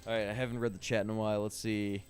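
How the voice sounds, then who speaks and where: A man's voice: on the low side, flat delivery, rapid-fire, darkish tone, faint music behind. A man casually commentating while he plays a shooter game, swearing freely and chatting with his viewers. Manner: swears freely, chats loosely while playing. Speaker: game streamer. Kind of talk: casual let's-play commentary.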